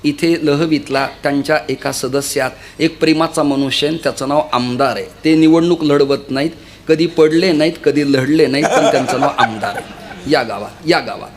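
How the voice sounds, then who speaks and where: Speaking briskly in a somewhat high voice, a man preaches a kirtan sermon. His storytelling is animated, and he repeatedly presses the audience to listen.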